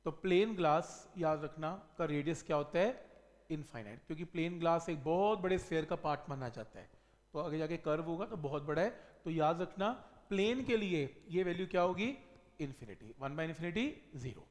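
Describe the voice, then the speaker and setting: A middle-aged man gives a physics lesson at a whiteboard in a high voice. He asks a question and then answers it himself, hitting the key word with weight. A long reverb trails after his words. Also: moderate pace. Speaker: physics teacher. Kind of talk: whiteboard lecture. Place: classroom studio at a whiteboard.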